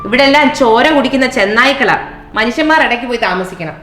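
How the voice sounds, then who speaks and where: A woman's voice: fairly high pitch, lively intonation, fast, a bit bright. A woman with a Malayali accent playing a defiant young wife who lectures her parents in a comedy sketch. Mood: indignant. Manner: indignant, lecturing. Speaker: daughter defending her husband. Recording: roomy echo.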